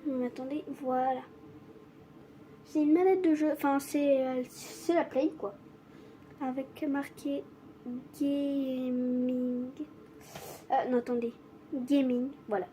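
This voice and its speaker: A woman who stutters, chatting casually to camera as she shows off her gifts, halting and apologetic. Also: high voice, mellow, slight background noise. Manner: stutters, restarts words often. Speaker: vlogger showing her gifts. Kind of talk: casual unboxing chat to camera.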